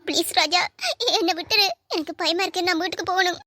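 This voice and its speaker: A woman's voice: high-pitched, quick pace, bright, forceful tone, a little hiss or hum. A woman voicing a brave young woman doctor in a cartoon, who speaks defiantly and sometimes pleads. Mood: pleading. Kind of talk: cartoon voice acting.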